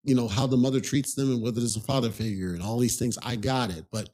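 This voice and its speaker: Husky-voiced man telling a rambling story. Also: mid-range voice, steady tone, fast, warm tone. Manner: rambling, conversational, frequent "you know" asides. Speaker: podcast host. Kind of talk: casual storytelling monologue.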